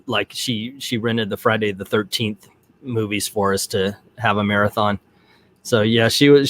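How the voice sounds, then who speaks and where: A man's voice: mid-range voice, a bit bright, no echo. A man hosting a casual live movie watch-party commentary, rambling and chatty with lots of fillers. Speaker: host of a movie commentary show. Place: home, Central Florida.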